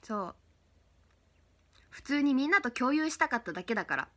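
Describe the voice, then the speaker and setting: A woman's voice: sits high, sing-song, moderate pace, fairly bright tone. A young woman hosting her own livestream, chatty and giggly, thanking viewers one by one. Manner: chatty, giggly, reads out fan names and thanks. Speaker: idol livestream host. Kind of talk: casual livestream chat.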